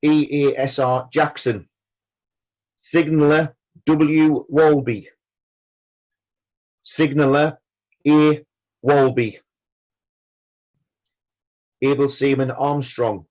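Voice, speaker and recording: Reading a memorial roll call, a veterans' branch chairman speaks extremely slowly and deliberately, pausing after every entry. His tone is formal, solemn and a little mellow, his pitch average for a man, and the recording slightly dull and lo-fi.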